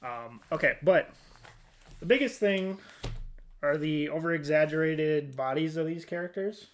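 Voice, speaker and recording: A man with a somewhat high voice speaks at a measured pace. He's hosting a casual podcast discussion, thinking aloud in an informal, slightly hesitant way.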